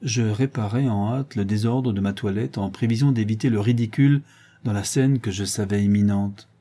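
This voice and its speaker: Dark, husky male audiobook narrator. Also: on the low side. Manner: measured, expressive reading.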